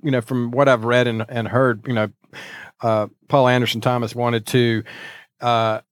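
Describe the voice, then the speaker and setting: A man's voice: medium pitch, flat delivery, moderate pace, clear, resonant tone, no echo. Rambling man in a dry podcast chat. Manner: rambling, many fillers and restarts. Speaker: podcast co-host. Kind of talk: casual chat.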